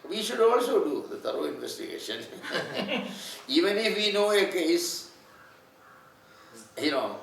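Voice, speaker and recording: Chuckling Malayali English preacher in an echoey room. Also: male voice, high voice, sing-song, measured pace, vocal fry, long pauses, fairly bright tone. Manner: chuckles often, speaks in short phrases. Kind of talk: sermon. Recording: echoey room, distant mic, faint hiss.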